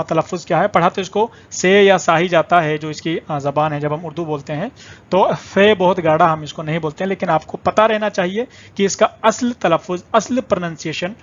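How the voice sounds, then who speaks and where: A man teaching an online language lesson, explaining slowly and patiently, repeating sounds and pausing often with hesitations. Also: high voice, highs cut off. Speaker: Urdu teacher.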